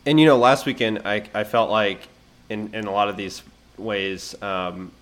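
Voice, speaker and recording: A man's voice: fairly low pitch, steady tone, unhurried. A man co-hosting a casual sports betting podcast, speaking hesitantly with many fillers. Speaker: podcast co-host.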